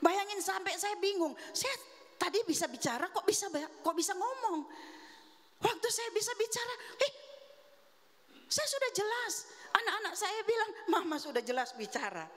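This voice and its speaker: A woman's voice: very high voice, moderate pace, fairly bright tone. A middle-aged woman from Manado giving a heartfelt sermon testimony, speaking earnestly and confessionally to the congregation. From Manado, Indonesia. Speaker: guest preacher. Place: church sanctuary. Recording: reverberant church hall.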